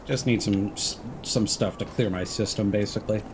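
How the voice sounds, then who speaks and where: Speaking at a normal speed in a lowish, steady voice, a man streams a video game live and makes easygoing, friendly conversation with his audience as casual let's-play commentary. Background noise is audible.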